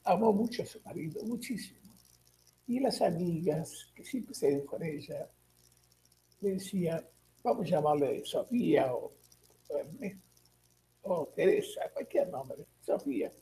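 A man's voice: fairly high pitch, animated, a little slow, long pauses, dark tone, a little hiss or hum, rough recording. A man, teaching a live spiritual class and retelling conversations while addressing his listeners directly.

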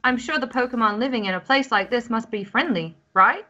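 A woman's voice: on the high side, animated, a little fast, sharp tone. A woman reading as a cheerful game mom. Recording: dull lo-fi sound.

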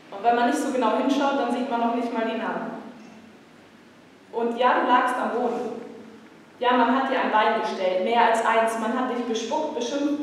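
A woman's voice: high voice, a little hiss or hum. A woman, performing as a slam poet at a live event, with a rhythmic spoken-word delivery built on repeated refrains. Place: large hall in a music school. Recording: echoey hall recorded from far off.

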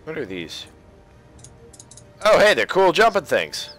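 A man's voice: on the high side, wildly swooping pitch, a little slow, fairly bright tone, soft background music. A man chatting casually as he plays a game with friends, complaining in a dry, sarcastic way. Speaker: gamer in a group play session. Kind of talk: casual gaming chat. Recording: voice chat with clear game noise. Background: video game sounds.

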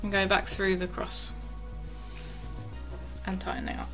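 At a measured pace and in a monotone, medium-pitched voice, a young sailing instructor chats through tying knots step by step, adding quiet asides as she works the rope. Faint music plays behind her in the small wooden cabin where she's recorded close to a camera.

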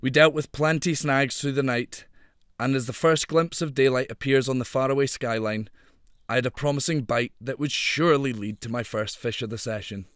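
A man giving steady, scripted voice-over narration of a fishing trip. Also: mid-range voice, moderate pace, no echo, studio quality. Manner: steady, explanatory. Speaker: channel host narrating.

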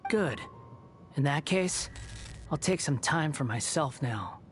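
A man playing an aloof, cynical young former villain in a video game, speaking in a cool, sardonic, deliberate way. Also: fairly high pitch, animated, slight background noise. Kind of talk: video game dialogue acting.

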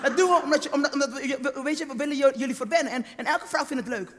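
A male stand-up comedian chatting and teasing his audience, with many restarts. His voice sits very high and sounds tired and strained. A long hall reverb from the live theatre recording rings behind him. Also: racing, fairly bright tone, a little hiss or hum. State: tired voice, strained vocal cords. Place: theatre stage before an audience.

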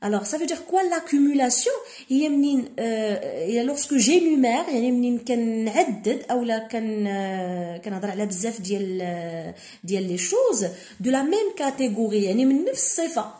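A woman with a Moroccan accent teaching a lesson, reading lines slowly and then explaining them with many fillers. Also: fairly high pitch, lively intonation, mellow, echoey room. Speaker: French literature tutor. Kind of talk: code-switching lesson explaining a novel.

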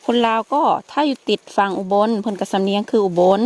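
A woman's voice: medium pitch, fast, darkish tone. Chatty woman with an Isan accent. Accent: Sakon Nakhon Isan. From Sakon Nakhon, northeastern Thailand. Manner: chatty, explaining as she goes, addressing viewers. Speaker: vlogger. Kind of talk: casual vlog commentary to viewers. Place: outdoors in a forest, foraging.

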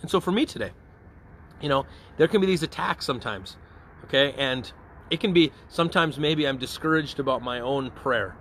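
A mid-range, fairly bright male voice at normal speed leads an informal evening prayer reflection, with slight background noise. The parish priest stays conversational and often asks his listeners "okay?" and "all right?"

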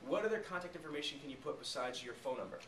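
Racing and animated, a slightly high male voice drives a sales training talk for a small group. The man, in his thirties, is emphatic and keeps checking in with rhetorical questions. It was captured in a small meeting room with a flip chart by a camera mic several metres off, so the sound is echoey, distant and faintly noisy.

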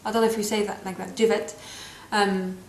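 Seated in a small indoor room, a makeup vlogger in her thirties with a French accent gives a casual tutorial to camera, adding playful asides and searching for English words. Her mid-range voice is brisk, a little mellow, and fairly flat, with vocal fry. The audio is poor and reverberant.

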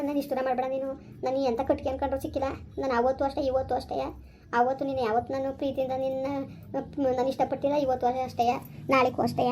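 A woman playing a frightened married village woman in a family skit, pleading desperately and talking fast. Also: high-pitched, a little mellow, a little hiss or hum, close to an everyday voice.

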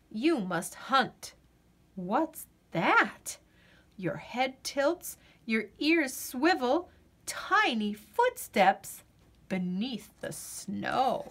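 This woman's voice sits high as she reads a children's picture book aloud. She performs it as a storyteller would, tender and expressive, pausing deliberately for dramatic effect.

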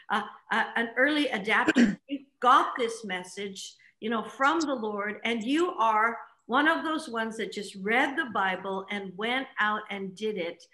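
A bright, fairly high-voiced middle-aged woman hosts an interview over a video call, talking with eager enthusiasm and lots of fillers. Her voice rings a little in an echoey living room. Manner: enthusiastic, chatty with many fillers. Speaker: host. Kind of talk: online interview chat.

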